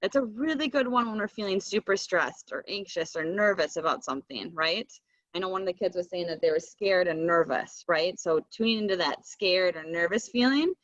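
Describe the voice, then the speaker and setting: A woman leading a kids' tapping session over a video call, gentle and encouraging, often checking in with "right?" and "okay?". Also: fairly low pitch, brisk, dry recording, muffled recording.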